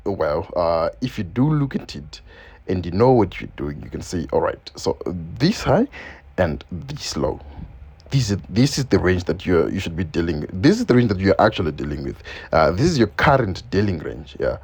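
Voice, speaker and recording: Deep-voiced and very animated, a forex educator from Zimbabwe walks through a screen-share market analysis at normal speed, his tone a little mellow and slightly rough. English isn't his first language, and he speaks loosely with lots of ums and repeated phrases.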